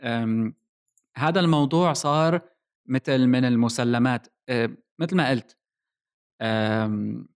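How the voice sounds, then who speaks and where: A man's voice: mid-range voice, unhurried, long pauses, clean tone. A man with a Levantine Arabic accent hosting a casual tech discussion, explaining things and dropping in English technical terms. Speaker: podcast host.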